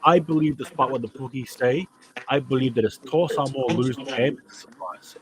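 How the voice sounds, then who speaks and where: A man's voice: mid-range voice, brisk, a little hiss or hum, low-quality recording. Chatty man previewing rugby league. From New Zealand. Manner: chatty, repeats words and restarts often. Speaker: podcast host.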